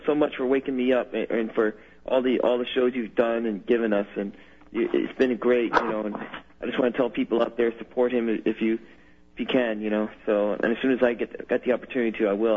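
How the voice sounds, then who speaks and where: A man from California calling in to a radio show over a phone line, halting and hesitant as he restarts his sentences. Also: medium pitch. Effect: heard over a phone line. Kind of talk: call-in chat with a host.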